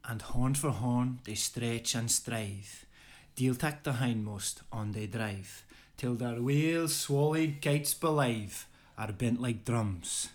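A man's voice: medium pitch, slow pace, few pauses, close to an everyday voice. An Irish man putting on a Scottish reciter. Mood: declaiming. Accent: put-on Scottish. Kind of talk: poetry recital.

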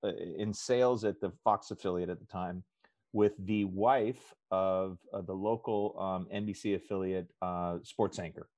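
A middle-aged man, a podcast guest, telling a story in a relaxed chat and acting out the voices he quotes. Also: deep voice, moderate pace, dry recording, studio quality. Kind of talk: casual storytelling.

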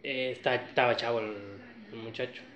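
A man with a northern Mexican accent telling a story in casual chat, relaxed and slangy, with many fillers. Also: medium pitch, fairly quick, a little hiss or hum. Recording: echoey room, slightly dull sound.

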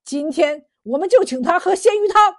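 A defiant fisherman leader, voiced by a woman telling a folk tale, calls out loud and proud. His voice rings high and bright with scorn. He sounds like a storybook hero who bows to no one. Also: lively intonation, moderate pace. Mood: scornful.

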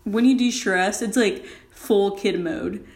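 A woman's voice: medium pitch, slow, darkish tone. Young woman rambling casually in a bathroom. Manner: rambling, informal, frequent "like". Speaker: podcast host. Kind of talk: casual solo podcast chat.

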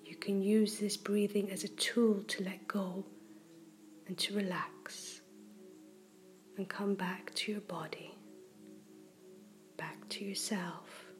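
A woman guides a breathing meditation in a soft whisper. She talks very slowly and gently, at a middling pitch. Faint music plays behind her. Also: little pitch movement. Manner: slow, gentle and soothing.

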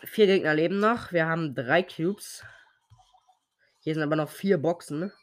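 A man's voice: a little high, moderate pace. A young man who is sick with a sore throat gives casual, slangy solo commentary on a game, muttering to himself as he plays. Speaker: host of a gaming podcast.

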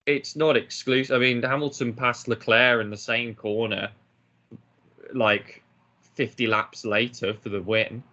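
A man's voice: mid-range voice, steady tone, a little slow, bright, forceful tone. A man co-hosting a casual podcast, blunt and opinionated, joking with his co-hosts. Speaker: podcast co-host. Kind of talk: casual chat. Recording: dull lo-fi podcast audio.

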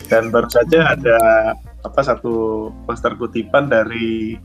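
A man's voice: mid-range voice, steady tone, measured pace, fairly bright tone. A man hosting a casual interview, curious and easygoing as he sets up his questions. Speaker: host. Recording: dull sound with faint music.

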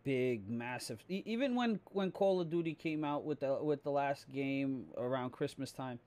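A man co-hosting a casual gaming podcast who talks in a halting way, with many restarts and filler words. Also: mid-range voice, a little mellow. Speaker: podcast co-host.

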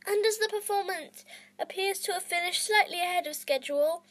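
A woman's voice: very high voice, brisk, voice pushed up. A woman voicing a fawning, nervous male theatre manager in a storybook reading, speaking in a gushing, flowery way. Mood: eager.

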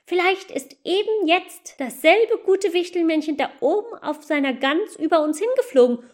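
A woman's voice: very high-pitched, animated, normal speed, voice pushed up. A woman voicing a young peasant girl who tells her little brother about an elf. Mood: eager. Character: young goose girl, eager and wondering.

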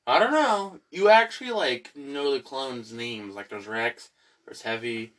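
A man's voice: medium pitch, measured pace, fairly bright tone, distant mic. A young man in casual chat, joking around and slipping into silly voices and sound effects.

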